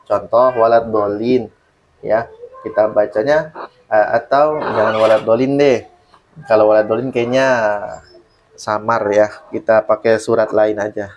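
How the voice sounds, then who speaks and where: A man's voice: on the low side, fairly even intonation, measured pace, pauses often, darkish tone, lo-fi sound, slight background noise. A man teaching Quran recitation in an online lesson, patiently explaining rules and reciting examples, often checking that the student understands.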